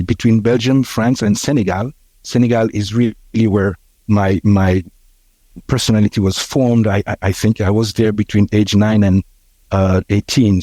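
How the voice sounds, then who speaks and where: A Haitian man in his sixties, a podcast guest, telling his life story in a reflective, halting way with many fillers and restarts. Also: lowish voice, mellow, no echo. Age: 60s.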